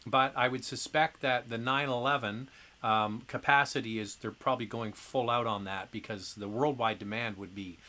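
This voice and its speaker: A man's voice: medium pitch, fairly even intonation, normal speed, pushed and bright. Chatty man hosting a live car stream. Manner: rambling, chatty, many fillers and restarts. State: occasional coughing from acid reflux. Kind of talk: casual live-stream chat.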